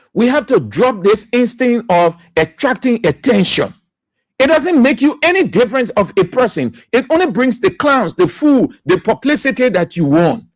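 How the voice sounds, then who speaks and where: A man's voice: extremely high pitch, no room sound. A Liberian man hosting a radio talk show, giving emphatic political commentary and repeating key words for stress.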